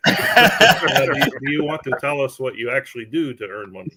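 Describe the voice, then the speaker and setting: Mid-pitched man as host, relaxed and questioning, laughing along with guests. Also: moderate pace, over a noisy crowd. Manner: easygoing, laughs often, asks questions. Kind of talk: casual interview chat.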